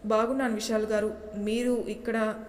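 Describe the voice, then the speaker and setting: A woman voicing a polite, gentle young mother welcoming guests. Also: fairly high pitch, little pitch movement, moderate pace, close to an everyday voice. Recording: long reverb echo.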